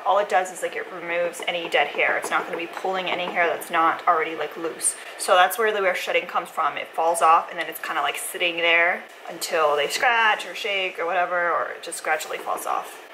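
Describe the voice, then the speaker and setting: A woman's voice: on the low side, fairly quick, few pauses. Young woman vlogger, noisy home recording. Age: young adult. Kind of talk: casual chat to camera. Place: room at home. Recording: noisy room sound.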